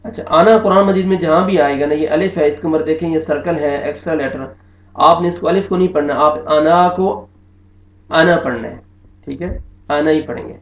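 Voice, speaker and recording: Male Quran teacher, Urdu accent, gravelly, patient and repetitive, dull echoey recording. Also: fairly high pitch, a little hiss or hum. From Pakistan. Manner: explains patiently, repeats words slowly. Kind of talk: online recitation lesson.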